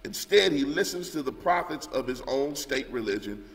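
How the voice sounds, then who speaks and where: A man's voice: medium pitch, lively intonation, normal speed, big-room sound, low-quality recording. A man teaching a Sunday school lesson who walks through scripture and often checks in with "okay?". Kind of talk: Bible lesson with scripture reading. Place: church.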